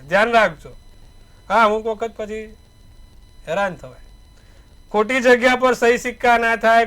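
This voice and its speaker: A man with a high voice gives a daily horoscope and tarot reading. He advises in repetitive, proverb-like phrases. His loudness rises and falls, with emphatic bursts on key words. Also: clear, resonant tone. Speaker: astrologer.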